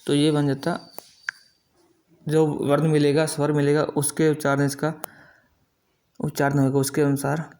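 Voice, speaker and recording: A middle-aged man teaches grammar at an unhurried pace, holding each example sound out. His voice sits a little high for a man and stays level, with little rise and fall. He explains patiently, step by step. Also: monotone, darkish tone. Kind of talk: classroom-style grammar lesson.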